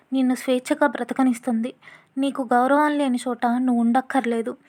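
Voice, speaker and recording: Woman reading a sincere young guy, gentle, earnest, high voice. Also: lightly acted.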